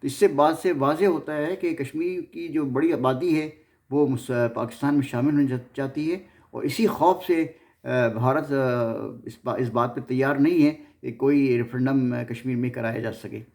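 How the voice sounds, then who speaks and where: The host of a history series, a man with a Pakistani accent, tells his narration casually and often repeats or stumbles over words. He has a medium pitch, a darkish tone and a normal speaking speed.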